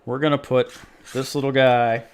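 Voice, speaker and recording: A man's voice: medium pitch, flat delivery, normal speed, creaky, clear, resonant tone. A man hosting a live stream, chatting casually and joking with viewers while he tinkers with a homemade project. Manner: rambling, jokey, talks to chat while tinkering.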